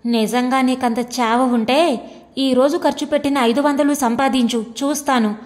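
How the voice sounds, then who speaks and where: A woman's voice: sits high, steady tone, normal speed, big-room sound, lightly acted. A woman reading the part of a mocking husband who scolds his wife with sneering contempt. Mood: scornful. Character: scornful, mocking husband, a grown government clerk.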